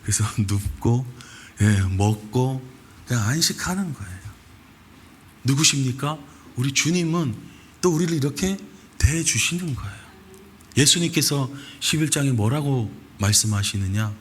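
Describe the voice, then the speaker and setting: A male pastor preaching a sermon in animated storytelling, acting out quoted lines. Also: mid-range voice, a little slow, a little hiss or hum. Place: church sanctuary.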